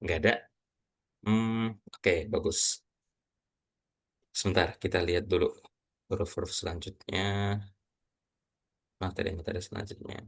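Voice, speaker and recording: A man teaching Quran reading to a class, quizzing students and slowly reciting example words. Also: deep voice, steady tone, creaky. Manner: patient, asks students questions, models recitation slowly.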